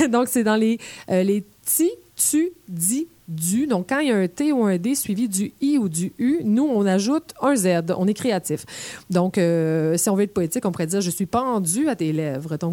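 A woman's voice: mid-range voice, warm tone, no echo. A playful Québécoise woman explaining how her speech sounds, with a Québécois accent. She illustrates each point with examples, recorded dry and close. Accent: Québécois French. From Quebec. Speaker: presenter. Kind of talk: explanatory talk on language.

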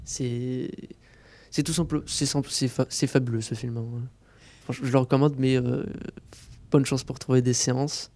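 A man giving a casual film review on a campus radio show, pausing often with fillers and restarting his sentences. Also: mid-range voice, flat delivery, dark tone, no room sound. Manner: hesitant, many fillers and restarts. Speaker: film columnist. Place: radio studio.

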